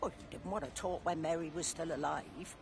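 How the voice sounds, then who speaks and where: An actress playing a sharp-tongued older village woman in a video game, tart and scolding. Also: low-pitched, fairly quick, gravelly, over music.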